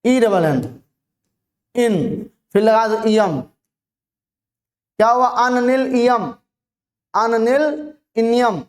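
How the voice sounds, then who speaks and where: An online chemistry lesson is taught by a teacher with a mid-range voice who asks questions and answers them. Terms are repeated slowly, one by one.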